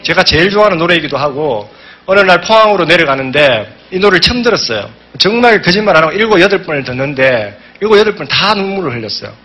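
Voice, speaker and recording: A man's voice: a little high, fast. A man giving an emphatic motivational seminar speech, telling stories and acting out quotes. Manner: emphatic, animated storytelling with acted-out quotes. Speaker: business seminar speaker.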